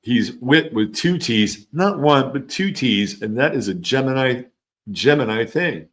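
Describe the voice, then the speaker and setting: A mid-range, expressive, fairly bright voice comes from this livestream host, who speaks a little slowly. His accent mixes California and East Coast, and he loosely chats with viewers, reads comments, rambles, trails off, restarts, and swears casually.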